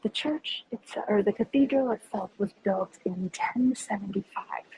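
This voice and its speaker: A woman working as a tour guide, chatting enthusiastically with live viewers in a breathy voice that is sometimes kept soft. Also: mid-range voice, unhurried, slight background noise, poor audio. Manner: speaks softly at times. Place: inside a large stone cathedral. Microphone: handheld phone without stabilizer.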